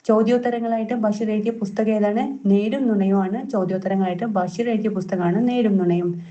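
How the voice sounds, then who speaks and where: A woman's voice: mid-range voice, steady tone, brisk, dark tone, lo-fi sound. A woman reading out quiz questions and answers as a tutor, repeating each answer and correcting herself as she goes.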